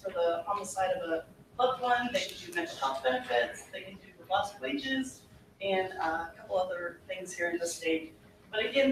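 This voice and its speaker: A policy presenter giving a formal, explanatory briefing to a legislative committee, earnest and often pausing on fillers. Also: medium pitch. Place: legislative hearing room. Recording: echoey hearing room from far off, with background noise.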